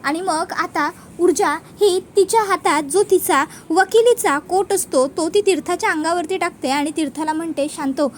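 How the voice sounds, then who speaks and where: A woman's voice: extremely high pitch, moderate pace, hardly any pauses, slight background noise. A woman retelling a TV serial episode as narrator, with dramatic storytelling delivery.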